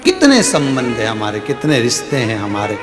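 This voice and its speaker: A man giving a devotional katha sermon, animated and humorous, acting out voices in his stories. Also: medium pitch, normal speed. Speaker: Shiv Purana katha preacher. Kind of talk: devotional sermon with comic storytelling. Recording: echoey hall with faint music.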